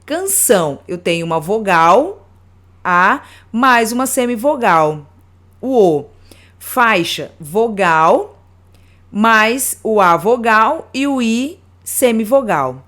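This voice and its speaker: A woman teaching a grammar lesson, reading out examples slowly and deliberately word by word. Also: fairly high pitch, lively intonation, a bit bright.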